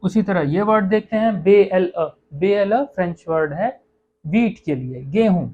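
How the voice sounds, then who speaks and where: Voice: mid-range voice, normal speed. Patient teacher on a dull lo-fi recording. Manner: patient, repeats "okay" and corrects own slips. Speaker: French language teacher. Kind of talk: online lesson explaining pronunciation.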